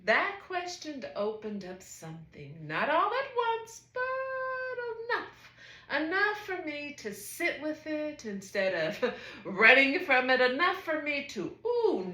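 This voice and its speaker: A woman, a psychotherapist, performing a slow spoken-word monologue with soft, lilting exclamations. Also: on the high side. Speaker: psychotherapist and wellness coach. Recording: echoey room.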